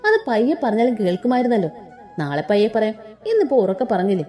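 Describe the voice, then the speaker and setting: A woman voicing a sharp-tongued middle-aged mother who scolds with sarcasm. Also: a little high, sing-song, fast talker, soft background music. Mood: scolding.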